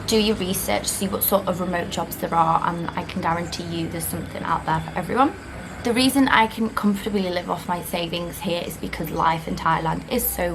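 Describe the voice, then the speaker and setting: A woman in her twenties, born in Poland, who grew up in Britain and speaks. She talks to the camera in a relaxed, chatty way, with frequent ums and likes. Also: fairly low pitch, gravelly, a little hiss or hum, poor audio. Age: 20s. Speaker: interviewee. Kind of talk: casual talk to camera.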